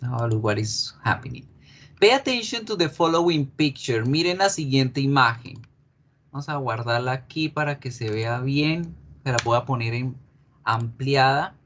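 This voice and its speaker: A male English teacher giving a class, explaining patiently, repeating key words slowly and asking students questions. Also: medium pitch, animated, a bit bright, a little hiss or hum.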